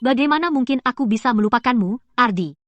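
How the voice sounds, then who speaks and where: Gentle young heroine. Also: female voice, a little high, lively intonation, fairly quick, dull audio, faint music behind. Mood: tender. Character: gentle young woman recovering in hospital, playful. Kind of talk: dubbed TV drama.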